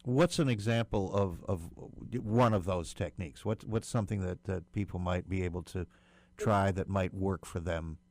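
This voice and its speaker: A man hosting a public radio interview, putting questions in measured, broken-up phrases. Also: sits low. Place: radio studio.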